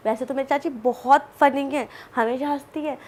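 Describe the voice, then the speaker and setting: A woman telling a personal story as a podcast guest, chatty and animated, full of asides and fillers. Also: high-pitched, moderate pace. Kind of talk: casual storytelling.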